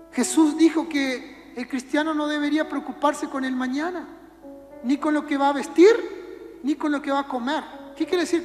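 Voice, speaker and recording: High-voiced Uruguayan woman preaching in echoey hall. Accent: Uruguayan Spanish. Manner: conversational, acts out little everyday scenes. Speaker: youth preacher. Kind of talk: casual sermon. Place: church hall, indoors. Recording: echoey hall with music behind.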